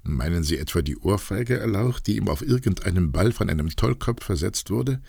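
Very low gravelly male narrator. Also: expressive, normal speed, a little mellow, dry recording, clean studio sound. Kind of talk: audiobook reading of a classic story.

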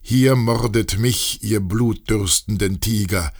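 A man reading a young mother's lines in a storybook, pleading and urgent, with a gravelly voice. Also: lowish voice, slow pace. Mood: desperate. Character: desperate young mother facing a mob.

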